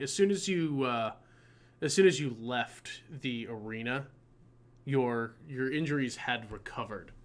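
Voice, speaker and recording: A man running a tabletop game as game master, excitable and prone to swearing and stumbling over his words. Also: medium pitch, clean tone.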